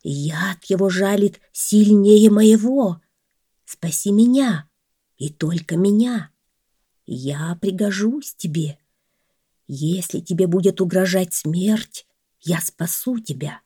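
A woman's voice: medium pitch, slow, mellow, slightly rough, dry recording, clean studio sound. A woman voicing a scheming male snake in a sly, whispered voice in a storybook tale.

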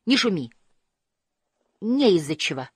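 A woman doing a tiny sharp-tongued girl. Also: fairly low pitch, sing-song, unhurried, husky, dry recording, studio quality, heavily acted. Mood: scolding. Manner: curt, scolding. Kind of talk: storybook reading.

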